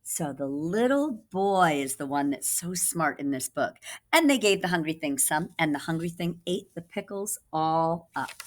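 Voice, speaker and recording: A woman teacher reads a children's story aloud with plenty of expression, stopping now and then to ask the listener questions. Her voice is low-pitched and animated.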